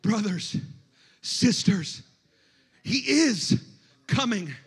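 Man preaching in church, very high voice, swoops widely in pitch, hushed readings then shouting. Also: animated, very slow, husky. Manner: swings between hushed scripture reading and shouted exhortation. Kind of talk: sermon.

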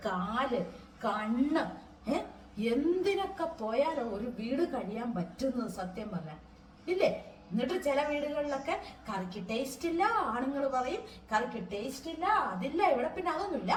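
High-voiced chatty woman vlogging from home. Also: echoey room, far from the mic, slight background noise, poor audio. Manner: chatty, keeps checking in with viewers with tag questions. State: throat strained from talking. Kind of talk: casual chat to camera. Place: home kitchen.

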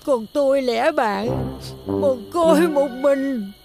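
An actress playing a lonely single woman with a Southern Vietnamese accent, plaintive and wistful, quick to scold. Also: high voice, vocal fry, music in the background, exaggerated voice. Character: lonely single woman, self-pitying then sharp-tongued. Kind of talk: comic TV drama acting.

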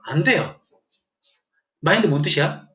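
In an echoey room captured with dull lo-fi sound, a man with a fairly high, sharp and expressive voice lectures on English vocabulary at a measured pace. He tells a joking story and tests his students as he goes.

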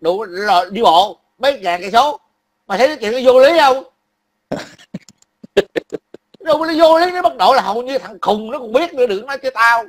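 High-voiced angry ranting man. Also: expressive, fast. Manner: angry, profane, repetitive ranting; worn-out, grumbling. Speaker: livestream commentator. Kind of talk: heated political rant.

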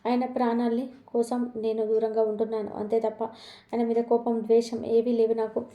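A woman doing a pleading young woman, monotone, muffled lo-fi sound. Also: on the high side, fairly quick, echoey room, close to an everyday voice. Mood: refusing. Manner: pleading refusals. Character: young woman torn over love, refusing firmly.

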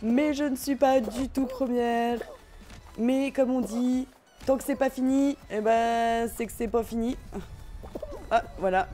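A young woman streaming a party game, commenting in an excitable, laughing, self-mocking way. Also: on the high side, a little slow. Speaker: gaming streamer. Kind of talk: live let's play commentary. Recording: faint game music behind.

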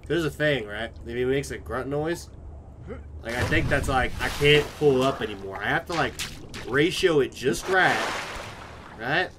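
A man's voice: mid-range voice, animated, unhurried. A man thinking aloud in a frustrated, rambling way during live gameplay commentary, with a put-on Southern US drawl, recorded at home. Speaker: gaming streamer. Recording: noticeable background noise.

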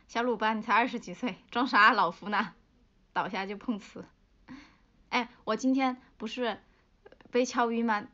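A young woman in her twenties chatting playfully with fans on a livestream, giggling as she tells a joke haltingly. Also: on the high side, pushed and bright. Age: 20s. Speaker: livestream host. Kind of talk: casual livestream chat with fans. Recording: dull lo-fi livestream audio.

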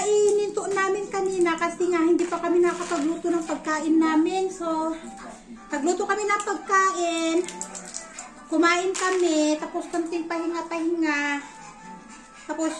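A woman's voice: very high-pitched, fairly bright tone, echoey room. A young woman, a mother, chatting casually to her viewers and telling a story from home while she works. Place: at home, indoors.

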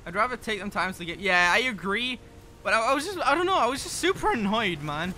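High-voiced, foul-mouthed male game streamer. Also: slight background noise. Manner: profane, excitable, quick to rant. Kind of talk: live gameplay commentary with chat. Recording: game gunfire clearly heard behind the voice.

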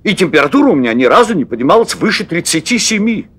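A nervous fifty-year-old husband. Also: male voice, high-pitched, sing-song, fast, a bit bright, breathy edge, no room sound, heavily acted. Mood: confessional. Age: 50s. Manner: confessional, hesitant, repeats words. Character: anxious middle-aged man, restaurant owner craving adventure. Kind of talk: stage play recorded for television. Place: theatre stage set as hotel room.

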